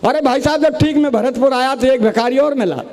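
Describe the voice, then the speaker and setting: A man's voice: extremely high pitch, a little fast, a little mellow, a faint crowd. A man in his sixties from Rajasthan, with a Rajasthani Hindi accent, telling funny stories at a comic poetry recital and acting out the dialogue. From Rajasthan, India. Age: 60s. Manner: anecdotal storytelling, acting out dialogue. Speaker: comic poet.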